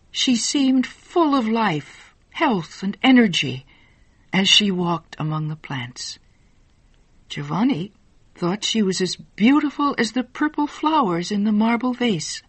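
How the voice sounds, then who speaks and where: List: slow careful story narration, lively rising and falling pitch, dry close sound. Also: dry recording. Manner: slow, clear, expressive pitch.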